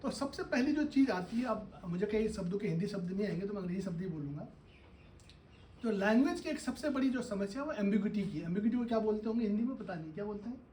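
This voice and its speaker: High-voiced male professor in an echoey hall. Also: expressive, fast, mellow, distant mic, slight background noise. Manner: explains with everyday examples, often checks with the audience. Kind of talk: university lecture. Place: lecture hall.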